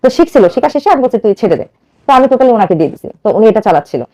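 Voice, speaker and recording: Rapid, high-voiced woman telling her story. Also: big pitch swings, warm tone, lo-fi sound. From Bangladesh. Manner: rapid, earnest, acts out quoted dialogue. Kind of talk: emotional personal storytelling.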